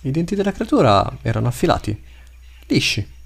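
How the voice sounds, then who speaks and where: A man narrating a dark fantasy hunting tale in a measured, dramatic way. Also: mid-range voice, big pitch swings, creaky, slightly rough. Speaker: storyteller. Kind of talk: scripted narration.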